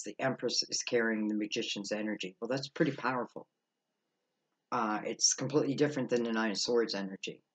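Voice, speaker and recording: A man improvises a mystical horoscope tarot reading, thinking aloud with halting pauses and rhetorical questions. His voice is lowish, and the audio quality is poor.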